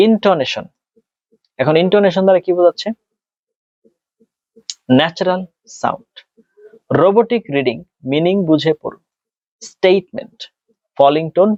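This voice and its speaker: A man with a somewhat raised voice teaches a test prep lesson. He asks and answers his own questions, and he slows down when he speaks English. The recording is dry and dull, with no room sound. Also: a little high, darkish tone, dry recording. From Bangladesh. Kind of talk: tutorial lesson, mixing Bengali and English.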